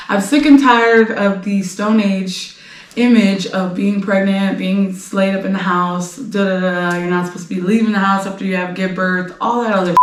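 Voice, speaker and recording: A woman's voice: mid-range voice, roomy sound, recorded from a distance. A woman in her late twenties hosting a celebrity gossip podcast, talking casually in a brash, blunt way and swearing freely. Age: late 20s. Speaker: podcast host.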